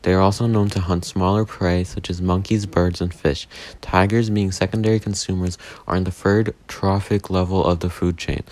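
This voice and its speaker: A man's voice: sits low, darkish tone, no room sound. A man reading scripted, factual nature documentary narration.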